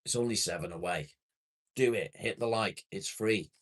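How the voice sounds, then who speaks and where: A livestream host in his late forties reads viewer comments in a casual live chat, talking matily with viewers and swearing now and then. His voice is fairly low, at a normal speed.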